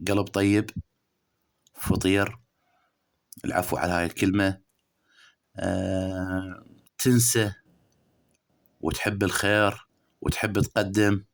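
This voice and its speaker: A man with an Iraqi Arabic accent giving a spiritual horoscope reading to the listener in a preachy, scolding way, jumping between loud emphatic bursts and low murmurs. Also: fairly even intonation, slow, pauses often. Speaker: spiritual astrology reader. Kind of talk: direct-address horoscope reading.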